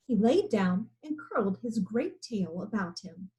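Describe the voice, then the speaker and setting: A woman narrating a children's picture book aloud in an expressive storytelling way. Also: mid-range voice, measured pace. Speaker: storybook reader.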